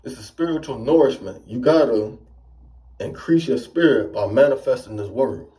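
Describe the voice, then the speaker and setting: A man delivers an informal sermon in a loose, conversational way, checking in with his listeners again and again. His voice is mellow and dark. The mic sits some distance from him, so the sound is a bit remote. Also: medium pitch, lively intonation, moderate pace. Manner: conversational preaching, repeats "you see what I'm saying". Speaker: preacher.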